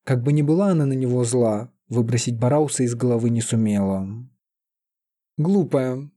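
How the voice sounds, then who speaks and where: A man calmly reading a fantasy story aloud as an audiobook narrator. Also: mid-range voice, fast. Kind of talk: scripted narration.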